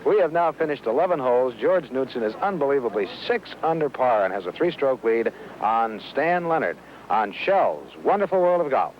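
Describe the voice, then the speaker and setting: A man's voice: sing-song, normal speed. A man presenting a golf broadcast in a conversational sports-host style. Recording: muffled old broadcast, loud rumbling outdoor noise.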